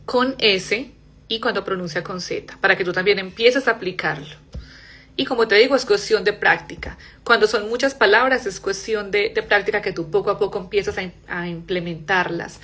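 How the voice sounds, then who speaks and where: Spanish-speaking woman coaching English pronunciation. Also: medium pitch. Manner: explains in Spanish, models English words slowly and softly. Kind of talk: live online pronunciation class.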